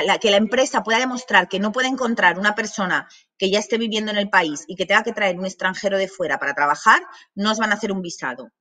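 A woman from Spain leads an informal masterclass, her voice bright and clear. She talks in loose, restarting sentences. She keeps checking in with her listeners as she goes. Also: medium pitch. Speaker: presenter of a work abroad programme masterclass. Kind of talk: informal spoken presentation.

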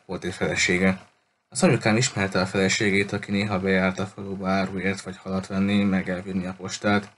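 A man's voice: low voice, a bit bright, a little hiss or hum. Red-haired village boy, man reading him, plain matter-of-fact storyteller, audiobook.

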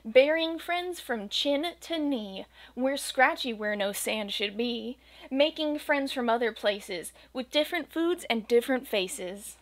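In a small room at home, with bookshelves and a green screen around her, a young woman reads a children's rhyming picture book close to the camera. Her slightly high voice is gentle, expressive and unhurried, riding the bouncing rhythm of the verse.

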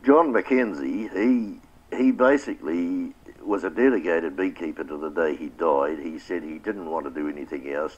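A man's voice: a bass voice, a bit bright, highs cut off. An older man with a New Zealand accent, telling his family's beekeeping history in a reflective, plain-spoken oral history interview. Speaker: retired beekeeper.

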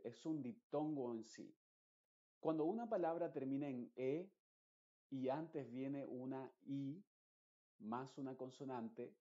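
A man's voice: mid-range voice, mellow, muffled recording. A man teaching English pronunciation in a patient, explanatory lesson, restating each point.

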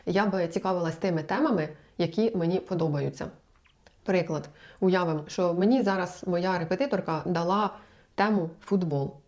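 A woman's voice: fairly low pitch, moderate pace, a little mellow. A young woman from Ukraine giving language-learning advice in a casual, chatty talk to the camera, explaining with examples and asides.

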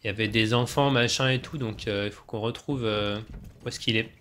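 A man's voice: fairly low pitch, fairly even intonation, a little fast, fairly bright tone. A man casually commentating a video game he plays, joking and chatting with himself. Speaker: let's play gamer. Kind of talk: casual let's play commentary.

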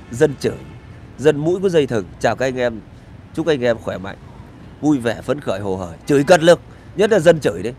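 Standing on a street, a middle-aged man vlogs a casual rant that is sarcastic, crude and rambling, peppered with swearing. He has a slightly high voice, and the audio has a little hiss or hum.

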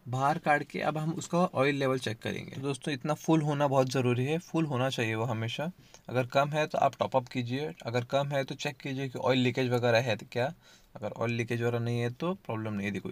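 Filming on a handheld phone outside next to his car, a man explains car maintenance checks to his viewers as if they were friends, in a how-to walkthrough. He speaks briskly in a mid-range voice, with no echo.

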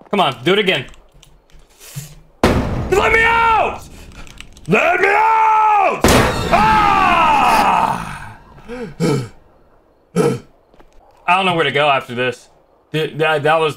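A young man giving excitable, jumpy gameplay commentary on a horror game, yelling when scared. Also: a little high, slight background noise. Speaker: gaming YouTuber.

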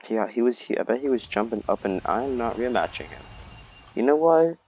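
A young man giving excitable, rambling gameplay commentary and joking at his own expense. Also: mid-range voice, brisk, breathy edge. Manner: excitable, rambling, playfully self-mocking. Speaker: gamer.

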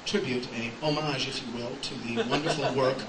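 A man's voice: mid-range voice, steady tone, fairly quick, heavy background noise, natural voice. A comedian on a club stage playing a pompous male professor who lectures a class in a pedantic, mock-scholarly way. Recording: echoey live club recording from far off, music.

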